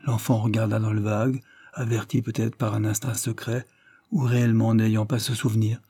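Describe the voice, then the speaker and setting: Warm, husky male audiobook narrator. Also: lowish voice, little pitch movement, moderate pace, no echo, clean studio sound.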